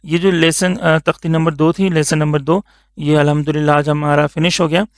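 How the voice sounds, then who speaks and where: A man's voice: on the high side, little pitch movement, dry recording, studio quality. A man teaching a lesson, reading out letters one by one and explaining patiently, often checking that the learner follows. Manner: patient, repeats "theek hai?" to check understanding.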